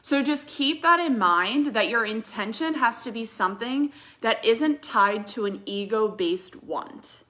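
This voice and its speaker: Young woman vlogger giving marketing tips, bright voice, chatty and blunt, laughs at herself. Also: on the high side, animated, measured pace, few pauses. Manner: chatty and direct, laughs at own slips. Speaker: social media marketing coach. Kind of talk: casual educational vlog.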